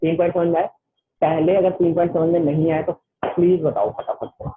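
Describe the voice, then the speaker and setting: A chatty young man with a Hindi accent teaching a class online, joking with his students as he goes. His voice sits a little high and comes through a thin, phone-like line. A faint hiss runs underneath. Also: flat delivery, fairly quick. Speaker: tutor. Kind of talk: casual online class lecture. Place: home.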